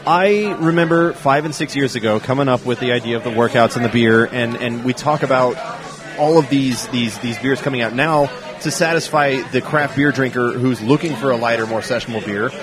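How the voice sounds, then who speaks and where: A man's voice: mid-range voice, brisk, over music. A man hosting a casual podcast chat, upbeat and laughing often, talking in long runs. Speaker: podcast host. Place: outdoors at a brewery. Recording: noisy crowd behind. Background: crowd chatter.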